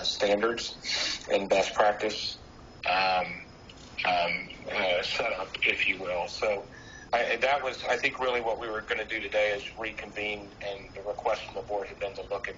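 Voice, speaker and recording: Mann am Telefon über Lautsprecher. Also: male voice, lowish voice, a bit bright. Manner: hesitant, many fillers and restarts. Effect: heard over a phone on speaker. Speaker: business representative applying for a license. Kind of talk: formal remarks at a town board meeting. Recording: muffled phone speaker in a meeting room, faint noise.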